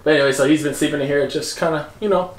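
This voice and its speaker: A man's voice: fairly high pitch, fairly even intonation, racing. A young man giving a casual house tour in a vlog, walking from room to room and talking in laid-back slangy banter on a camera mic. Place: rooms of a house, indoors.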